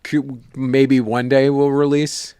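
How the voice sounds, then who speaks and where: A man's voice: mid-range voice, little pitch movement, takes it slowly, dark tone, clean tone. A man from New York with a New York accent, co-hosting a casual podcast chat in an easygoing, agreeable way. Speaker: podcast co-host.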